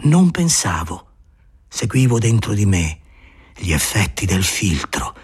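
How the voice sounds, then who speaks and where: A man doing a feverish, obsessive young lover in an audiobook, pitched low and very husky. The voice is slow and intense, with a lively rise and fall. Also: full character voice. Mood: distant. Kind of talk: audiobook character voice.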